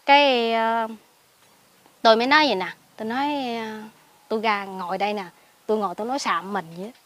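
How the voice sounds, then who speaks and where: A woman with a Mekong Delta Southern Vietnamese accent tells her story in a casual spoken way, seated outdoors in a pomelo garden. Her voice sits fairly high, and she drops to hushed asides before bursting into excited exclamations. She speaks as a lay Buddhist recluse answering an interviewer. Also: fast. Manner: animated, jumps between hushed asides and excited outbursts.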